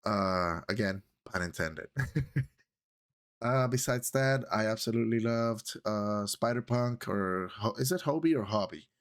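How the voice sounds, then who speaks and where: A man's voice: fairly low pitch, a little slow, clean tone. Spanish-speaking man rambling about a movie. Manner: rambling, many fillers and self-corrections. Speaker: vlogger. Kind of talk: casual movie talk to camera.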